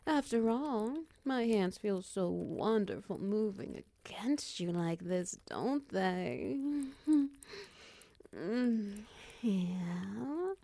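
Woman doing an intimate audio roleplay, real slow and soft, gravelly low voice, dry close sound. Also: no echo. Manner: slow, soft and teasing, dipping into whispers.

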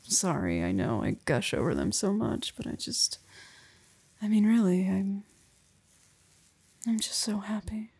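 A woman playing an affectionate young wife and mother, speaking softly and intimately, often in a whisper, in an ASMR roleplay close to the mic. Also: mid-range voice, lively intonation, unhurried, pauses often, heavily acted. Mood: tender. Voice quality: breathy. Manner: soft, intimate, often whispered, with small laughs. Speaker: roleplay performer. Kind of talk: soft-spoken ASMR roleplay.

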